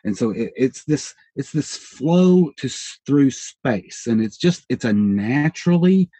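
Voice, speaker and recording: A man's voice: medium pitch, animated, unhurried, mellow, husky, dry recording. A man in his thirties, a podcast guest, explaining ideas in a rambling, self-correcting way, hedging as he thinks aloud. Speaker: podcast guest, independent researcher. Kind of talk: casual explanatory interview talk.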